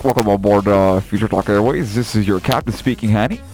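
Brief: a man playing a pilot making cabin announcements, measured captain's delivery, faint music under it. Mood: formal. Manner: low, slow, formal announcer delivery. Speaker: radio host. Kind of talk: playful impression on radio talk show.

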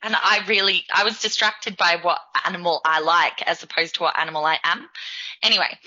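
A woman's voice: fairly low pitch, fairly even intonation, brisk, pushed and bright, muffled recording. A woman with an Australian accent chatting playfully and casually as a podcast co-host. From Melbourne, Australia.

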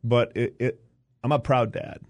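A man's voice: mid-range voice, fairly even intonation, moderate pace, dry recording. Older man rambling through stories. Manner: rambling storyteller, many fillers and restarts. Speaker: interview guest, university board president. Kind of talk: casual interview chat.

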